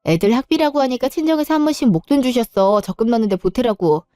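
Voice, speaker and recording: A woman's voice: a little high, lively intonation, fast talker, mellow, no room sound. Lady reading a family drama story, firm n polite, dry close sound, faint music behind. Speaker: narrator.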